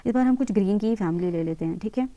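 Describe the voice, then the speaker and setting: A woman teaching interior design, patiently walking viewers through each step of a software tutorial and mixing English terms into her talk. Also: medium pitch, quick pace, lo-fi sound. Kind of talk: screen-recorded software tutorial.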